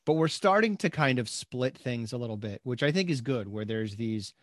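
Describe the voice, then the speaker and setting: Male podcast voice, mid pitch, dry sound, thoughtful and self-deprecating. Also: animated, normal speed, no room sound. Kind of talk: casual conversational chat.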